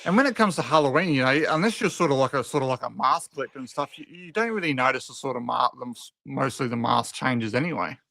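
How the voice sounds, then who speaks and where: A man's voice: mid-range voice, animated, fast, gravelly, few pauses, pushed and bright, no room sound. Hesitant man chatting as a guest. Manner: hesitant, many restarts and "obviously". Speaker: podcast guest. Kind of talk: casual podcast chat.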